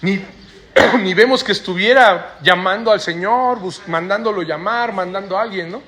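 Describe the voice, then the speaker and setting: Male preacher, sharp, bright delivery, keeps checking in with his flock. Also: high voice, moderate pace. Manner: tags sentences with rhetorical "¿no?". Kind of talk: sermon. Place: church before a congregation.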